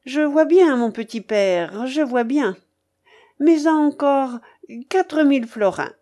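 Role: bossy elderly grandmother gambler in an audiobook, put on by a woman reader, high and loud, swinging in pitch. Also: sing-song, measured pace. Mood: stubborn, tense. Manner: bossy, barking orders. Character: imperious old grandmother gambler, impatient and hot-tempered. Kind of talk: audiobook character voice.

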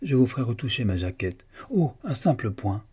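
A man voicing a fussy, sugary old English forewoman in a dressmaking workshop, his husky voice lifted higher for her. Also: very animated, normal speed, a little mellow. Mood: fussy coaxing. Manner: sugary, coaxing, then fussy.

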